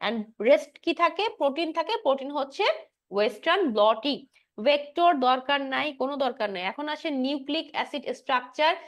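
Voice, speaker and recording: High-voiced woman teaching biology. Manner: drills points with frequent checks, mixing English terms. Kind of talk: exam-prep lecture.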